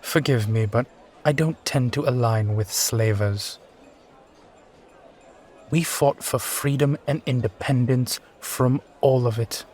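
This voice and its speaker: Man playing a slow-spoken, wistful sky pirate captain. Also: mid-range voice, a little mellow, close to an everyday voice. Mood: defiant, reflective. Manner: wistful, courtly, rambling, given to sighs. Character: brooding, charming steampunk sky pirate captain, war veteran. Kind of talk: immersive one-sided roleplay audio acting.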